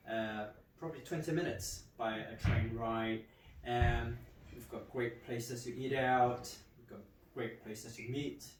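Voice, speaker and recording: A man from Malaysia, an emergency doctor speaking to camera in a warm, halting way with many fillers. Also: mid-range voice. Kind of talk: speaking to camera about his work. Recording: roomy, distant mic, faint hiss.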